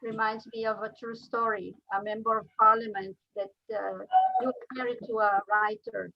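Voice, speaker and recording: A woman author telling an anecdote over a video call in an unhurried way. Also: a little high, level tone, gravelly, dull audio. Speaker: author in a writing group. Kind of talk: casual video-call chat.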